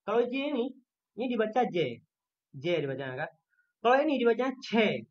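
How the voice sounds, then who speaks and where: Patient and slow, an Indonesian Turkish teacher repeats each letter sound during an online lesson with a shared screen to show how it's said. The mid-range voice has big pitch swings, and the sound is lo-fi.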